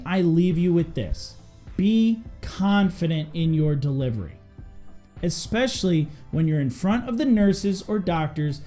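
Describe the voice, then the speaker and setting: An EMS instructor hosts a scripted video lesson for fellow providers, speaking in an emphatic, direct way. The voice is medium in pitch and mellow.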